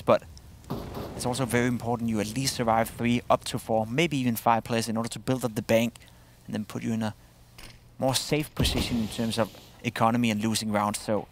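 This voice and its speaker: A man working as an esports caster, commentating and analysing a live video game match. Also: mid-range voice. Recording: gunfire and game noise behind voice. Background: video game gunfire and clicks.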